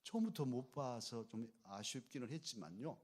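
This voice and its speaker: A man's voice: mid-range voice, lively intonation, normal speed, darkish tone. A man preaching a sermon as pastor, telling a story and building to rising fervor, and asking the congregation to repeat lines back to him. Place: church sanctuary.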